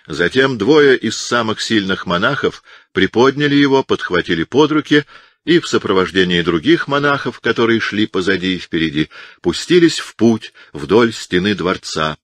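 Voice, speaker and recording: Deep-voiced man narrating an audiobook. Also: fairly bright tone, no echo. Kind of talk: scripted narration.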